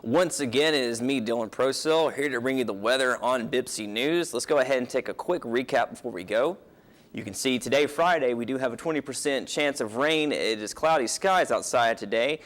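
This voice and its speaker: A young man giving a weather report for a student news show, relaxed and informal. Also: medium pitch, moderate pace.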